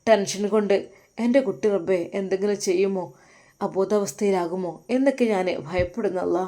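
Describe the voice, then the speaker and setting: A woman plays an aging father sick with worry over his son, speaking Malappuram Malayalam in a pleading, prayerful way. The lines come a little lower and softer than the narration. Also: fairly quick, natural voice. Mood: fearful. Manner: pleading, prays aloud to God.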